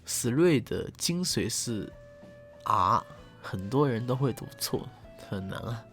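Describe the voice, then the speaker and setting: A man's voice: medium pitch, lively intonation, slow pace, a bit bright, faint music behind. A young man hosting his channel, chatting casually to camera in a playful, teasing way and hamming up English words. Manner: playful, teasing, joking self-mockery, exaggerated English words. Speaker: channel host. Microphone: desk condenser mic.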